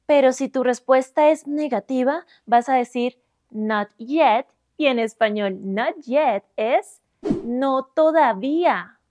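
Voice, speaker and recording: A young Colombian woman teaching Spanish grammar, giving examples slowly and clearly in Spanish and English. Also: high voice, darkish tone, dry recording. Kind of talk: bilingual grammar lesson.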